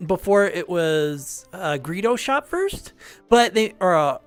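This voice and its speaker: Chatty woman streamer with a lively voice. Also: on the low side, slow pace, faint music behind. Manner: chatty, laughs often. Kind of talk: casual chat.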